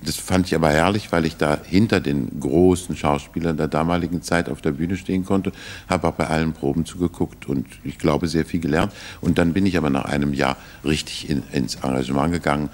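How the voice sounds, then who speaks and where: A very low-voiced older man tells his life story at an easy pace. He is thoughtful and anecdotal, and he often restarts a phrase as he remembers. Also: fairly even intonation, brisk. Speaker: interview guest, actor. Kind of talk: relaxed reminiscing interview.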